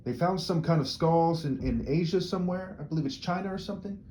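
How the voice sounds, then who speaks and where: A man's voice: on the high side, quick pace, mellow, a little hiss or hum. A man giving an opinionated solo monologue to camera, rambling and rhetorical, often tagging his points with "right?". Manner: rhetorical, checks in with frequent "right?" tags; discursive, repeats words while restarting sentences. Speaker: video commentator.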